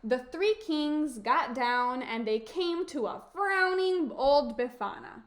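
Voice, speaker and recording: A woman teacher reading a picture book aloud in a slow, expressive, emphatic way. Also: high-pitched. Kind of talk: storybook read-aloud.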